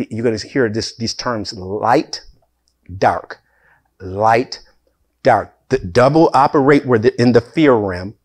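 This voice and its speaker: A pastor preaching a sermon in an animated way, with sudden emphatic rises and laughing asides, speaking. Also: male voice, mid-range voice.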